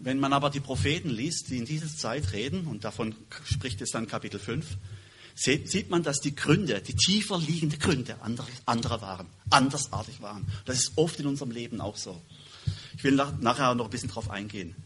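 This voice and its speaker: Husky bright-voiced man preaching. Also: mid-range voice, animated, fairly quick. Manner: emphatic, swings between loud stresses and quiet drops; self-correcting, restarts words. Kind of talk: sermon with Bible reading.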